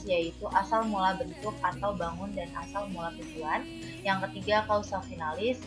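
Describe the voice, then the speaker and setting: A woman with a fairly low voice reads a scripted narration in an even, recited cadence. Music plays clearly beneath her. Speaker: student narrator. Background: background music.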